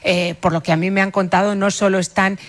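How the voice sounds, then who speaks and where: A woman's voice: mid-range voice, little pitch movement, fairly quick. A woman giving spoken commentary as a panellist on a radio talk show.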